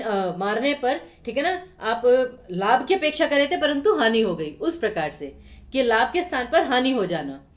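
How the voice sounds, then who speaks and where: High-voiced woman teaching exam Hindi. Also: distant mic. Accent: Himachali Hindi. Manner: explanatory, repeats words slowly to stress spelling and pronunciation. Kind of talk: exam-prep language lecture.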